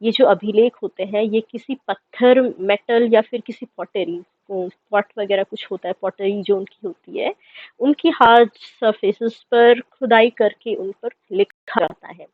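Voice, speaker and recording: A woman's voice: medium pitch, measured pace, no room sound. A woman in her thirties teaching a history lesson, reading English text and explaining it step by step, often checking in with her students. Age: 30s. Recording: dry, tinny phone-like sound.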